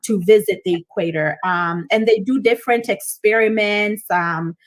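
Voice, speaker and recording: A Kikuyu-speaking woman from Kenya talks as a guest in a casual interview, explaining things at length with frequent ums. Her voice is mid-range and moves at a moderate pace.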